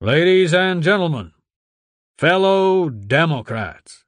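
A man doing a booming senator orating. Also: big pitch swings, a bit bright, no echo, exaggerated voice. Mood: oratorical. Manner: slow, raised oratorical delivery. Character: booming male senator giving a rally speech.

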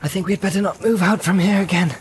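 A man voicing a cautious male hobbit, speaking in a hushed whisper. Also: sits high, fairly even intonation, fast, slightly rough, faint music behind, voice pushed up.

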